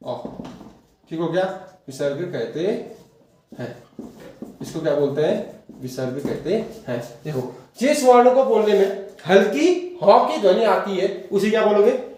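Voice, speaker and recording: A man's voice: high voice, warm tone, slight background noise. A male teacher giving a classroom grammar lesson, quizzing his listeners and drawing words out syllable by syllable. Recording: very echoey room, mic far off.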